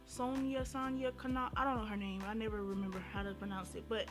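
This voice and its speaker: High-pitched young woman with slight retainer lisp. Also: little pitch movement, fast. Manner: sassy, playful, slangy. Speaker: beauty vlogger. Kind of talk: casual chatty first-impression makeup review. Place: indoors at home. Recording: music playing behind the voice.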